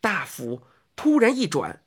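A woman's voice: fairly low pitch, wildly swooping pitch, unhurried, breathy edge. A woman narrating a children's fantasy story expressively, voicing sound effects.

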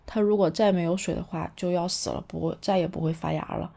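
A woman voicing a withered, weary mother sunflower in a cartoon story, slow and pleading. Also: fairly low pitch, steady tone, creaky, mellow.

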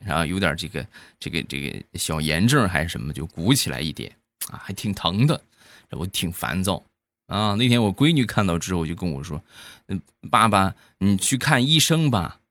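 A man with a low voice tells funny family stories as a comedy podcast host. He chats in a teasing way, with lively rises and falls and drawn-out fillers. The recording is close and dry. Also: dry recording. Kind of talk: comic anecdote storytelling.

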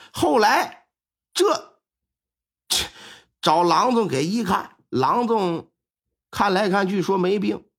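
A male storyteller voicing a calm middle-aged father who explains things in a low, drawn-out voice. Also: gravelly, slightly rough, full character voice. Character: old man, a scoundrel's father, calm explainer.

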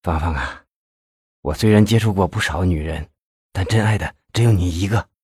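A gloomy, self-pitying middle-aged mayor, as a male storyteller puts him on. He talks low and sighs heavily, his voice rising and sinking as he complains. Dry, close storybook sound. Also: sing-song, fairly quick, husky, no echo. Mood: gloomy, sighing. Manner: sighing, complaining, weary.

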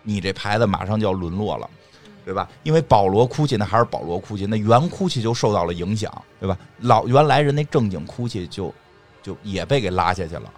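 A man's voice: lowish voice, fairly quick, soft background music. A man co-hosting a podcast in casual chat, joking and acting out quotes. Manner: animated, joking, acts out quotes. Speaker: podcast co-host.

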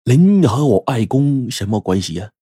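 A man's voice: sing-song, moderate pace, mellow, husky, no echo, clean studio sound. A man voicing an astonished young man who is overwhelmed on meeting his lost father. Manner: astonished, high-pitched exclamations. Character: young man from Taiwan, stunned and emotional son.

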